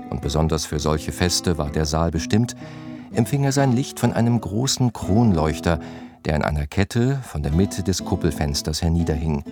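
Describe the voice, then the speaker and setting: Deep-voiced male audiobook narrator. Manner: measured, literary storytelling. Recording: narration over guitar music.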